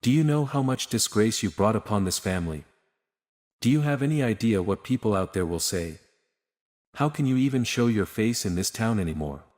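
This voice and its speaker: A man's voice: on the low side, animated, moderate pace, darkish tone, long reverb tail, natural voice. A man reading the lines of an angry, unforgiving father in a storybook narration. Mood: harsh scolding. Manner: cold, scolding.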